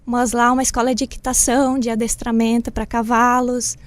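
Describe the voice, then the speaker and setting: A woman's voice: fairly high pitch, flat delivery, a little fast, no room sound. A woman from southern Brazil, a shop owner interviewed in a radio studio, telling her story in a plain, simple way with frequent tag questions.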